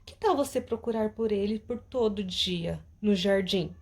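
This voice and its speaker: A woman reading as a calm, gentle mother. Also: mid-range voice, a little slow, natural voice. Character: gentle mother advising her daughter. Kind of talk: reading a story aloud.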